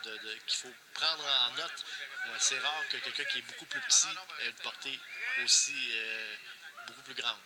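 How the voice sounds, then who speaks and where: A man with a Quebec French accent giving conversational fight analysis, pausing as he lines up the facts. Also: on the high side, heavy background noise.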